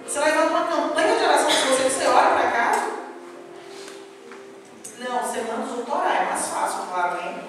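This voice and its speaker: A woman preaches in a high, bright voice. She delivers an animated sermon and plays out her own quoted lines. She is heard from far off in a booming church hall, with music behind her. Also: quick pace, pauses often.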